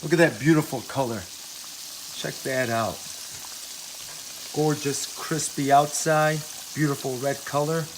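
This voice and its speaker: A man's voice: a little high, steady tone, measured pace, pauses often, background noise. A man hosting a home cooking video, upbeat and enthusiastic, talking straight to his viewers from the kitchen. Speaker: cooking show host. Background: oil frying and sizzling.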